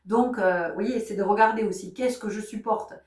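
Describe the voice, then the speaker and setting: A woman's voice: medium pitch, moderate pace, a little mellow. An emphatic woman delivers a spiritual teaching talk to her listeners, coming back to the same words again and again and asking question after question. Her voice sits in the middle of the range for a woman. It is recorded from some distance in a roomy, echoing space. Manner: emphatic, repeats key words, many rhetorical questions; says she is not giving medical advice. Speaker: spiritual channel host. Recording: roomy sound, voice set back from the mic.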